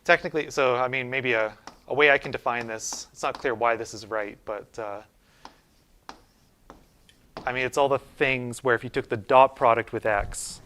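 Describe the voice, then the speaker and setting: A man teaching a university math class, talking it through informally as he goes. His voice sits in a middle pitch, and he restarts and checks in with the room often. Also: fairly bright tone. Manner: informal, thinking aloud with many fillers and restarts. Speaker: university lecturer. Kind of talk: casual classroom lecture. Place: lecture room.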